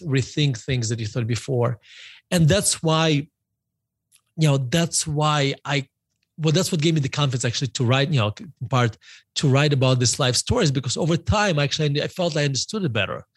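A man's voice: mid-range voice, no echo. A middle-aged man from Russia, a native Russian speaker, talking as a guest author in a podcast interview, rambling and often correcting himself. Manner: rambling, self-correcting, repeats words.

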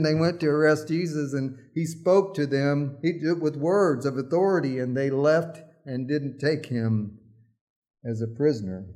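A man's voice: fairly high pitch, darkish tone. A middle-aged male pastor preaching a sermon, emphatic at times and telling folksy, humorous stories.

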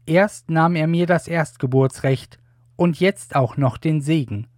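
A man's voice: a little high, measured pace, darkish tone, dry recording, clean studio sound, close to an everyday voice. A man voicing a bitter, wronged elder son who hunts, read in a plain pleading way.

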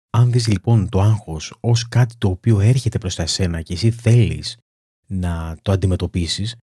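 A man talks as a coach in a self-help lesson, laying out his points one by one in a calm, methodical way. His voice sits low with a mellow, slightly husky tone. The recording is dry and close. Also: no room sound. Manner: calm, explanatory, steady teaching with lists and examples. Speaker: weight-loss coach. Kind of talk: self-help talk to camera.

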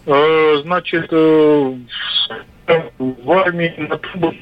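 A man's voice: a little high, faint music behind. Man on a choppy, breaking-up phone line. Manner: hesitant, halting with fillers. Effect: phone line breaking up, sound cutting out. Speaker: radio caller. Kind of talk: phone call to a request show. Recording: dull lo-fi phone line from off the mic.

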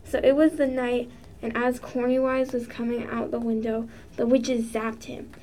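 A woman reading aloud a short spooky story, in a plain, steady storytelling manner. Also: fairly high pitch, moderate pace, slight background noise. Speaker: story reader.

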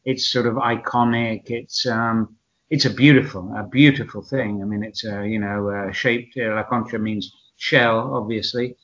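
A man's voice: fairly low pitch, steady tone, normal speed, a bit bright. A man in his sixties from Essex with a southern English accent, chatting reflectively and hesitantly as an interview guest. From Essex, England. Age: 60s. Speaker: podcast guest. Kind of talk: conversational interview, personal anecdotes. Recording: dull, lo-fi audio.

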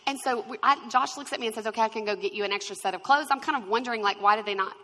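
In a large hall, a woman in her twenties tells her testimony as a guest, speaking very fast in a higher-pitched voice. Her animated storytelling is expressive and full of laughter, and she acts out the people she quotes.

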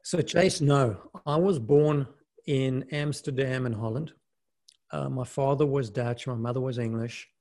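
A little slow and medium in pitch, this middle-aged man raised in South Africa talks casually as an interview guest; he manages an investment fund and is a mountaineer. He stays relaxed, often restarting his sentences and saying "you know."

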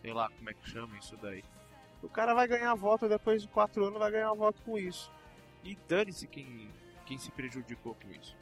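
Man, emphatic and opinionated, very animated voice, faint music. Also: high voice, a little fast. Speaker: podcast co-host. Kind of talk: casual chat.

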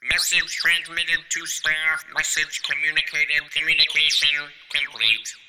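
A man putting on a robot voice, reading a curt office memo in a flat, emotionless monotone. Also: on the high side, unhurried, smooth, faint music behind. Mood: robotic, flat. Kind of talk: comic impression inside a leadership talk.

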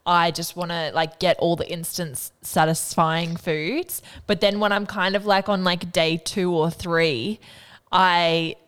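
A woman's voice: fairly low pitch, fairly even intonation, unhurried, fairly bright tone, smooth. A woman co-hosting a podcast, chatting casually and candidly in very informal language. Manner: candid, informal with mild swearing. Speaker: podcast co-host. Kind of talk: casual chat.

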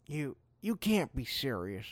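A woman's voice: a bass voice, big pitch swings, measured pace, no echo, heavily acted. A woman voicing a blustering, vengeful bandit leader in a comedy audio drama, stammering out indignant threats. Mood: threatening. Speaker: voice actor.

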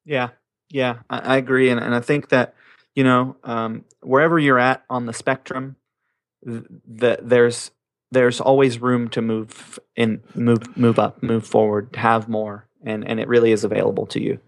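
An earnest man co-hosts a casual podcast and speaks encouragingly, sometimes restarting his sentences. His voice has a gravelly edge, and the recording is dry and close with no room sound. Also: medium pitch, flat delivery, normal speed, no echo. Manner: earnest, encouraging, a little hesitant. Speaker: podcast co-host.

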